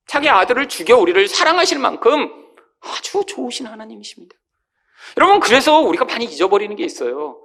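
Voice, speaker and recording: A male pastor preaching a sermon with emphatic, rising exclamations that drop away quietly at the end of phrases, often calling out to the congregation. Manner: swells to high exclamations, then drops low and quiet at phrase ends.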